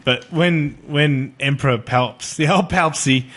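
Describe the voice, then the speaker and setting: A man's voice: a little high, a little slow, fairly bright tone. A man co-hosting a podcast in casual chat, easygoing and hesitant with fillers. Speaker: podcast co-host.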